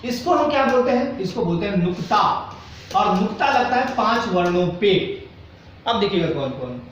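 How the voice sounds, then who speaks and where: A man's voice: high-pitched, sing-song, normal speed, very echoey, distant mic, a little hiss or hum, poor audio. A male Hindi teacher giving a grammar lesson to a class, asking questions often and acting out students' doubts. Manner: acts out students' doubts in quoted asides.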